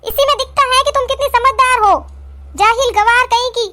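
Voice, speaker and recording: A woman voicing a quarrelsome, sharp-tongued young sister-in-law who scolds and insults in a cartoon. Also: extremely high pitch, a little fast. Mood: insulting. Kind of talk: cartoon voice acting.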